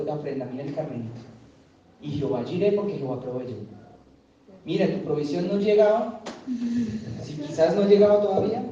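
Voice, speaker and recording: A man's voice: a little high, mellow, a little hiss or hum. A man preaching a sermon in a church, talking with the congregation and asking them questions. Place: church hall. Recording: echoey, distant, dull church recording.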